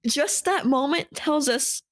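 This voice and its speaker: A woman's voice: high voice, slow pace. A woman hosting a casual film podcast over a remote call, chatty and enthusiastic. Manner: chatty, enthusiastic, laughs often. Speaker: podcast host.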